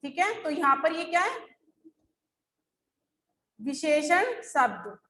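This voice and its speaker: A woman's voice: high-pitched, big pitch swings, slow, bright, forceful tone, echoey room, a little hiss or hum, rough recording. A woman schoolteacher going over lesson answers, explaining patiently step by step. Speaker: school teacher. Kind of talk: recorded class lesson.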